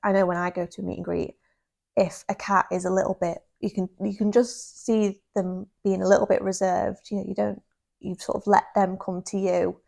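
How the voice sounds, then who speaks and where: Female podcast co-host, mid-pitched with noticeable vocal fry, casual chatty delivery. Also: little pitch movement, moderate pace, a little mellow. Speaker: podcast co-host, cat sitter. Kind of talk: casual conversational chat.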